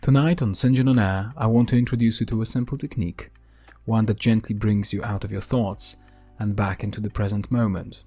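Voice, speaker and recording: A man hosting a podcast in a calm, gentle, unhurried way, narrating a scripted grounding exercise with deliberate pauses. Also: fairly low pitch, breathy edge, faint music behind. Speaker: podcast host.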